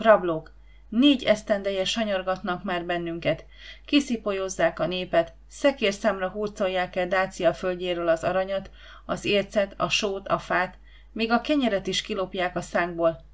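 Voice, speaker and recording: A woman's voice: mid-range voice, natural voice. A woman voicing a proud, fiery young slave girl who speaks with passionate indignation. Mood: indignant.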